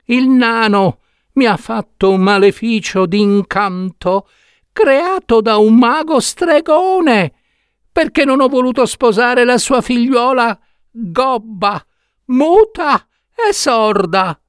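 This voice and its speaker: A man voicing a tiny enchanted young prince trapped in a box, begging in a thin, high little voice. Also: lively intonation, takes it slowly, clear, resonant tone, no echo, clean studio sound, exaggerated voice. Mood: urgent. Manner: begging, repeating his plea.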